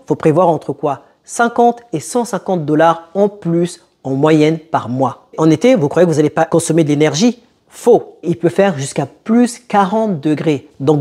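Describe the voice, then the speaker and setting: Husky-voiced man explaining tips to viewers. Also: fairly high pitch, mellow. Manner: talks straight to viewers, asks them rhetorical questions. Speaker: YouTube host giving advice to newcomers. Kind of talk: casual explanatory vlog.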